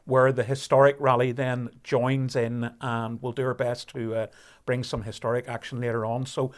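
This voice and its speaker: A man commentating on a rally live stream, explaining conditions in a measured way with fillers and restarts. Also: medium pitch, level tone.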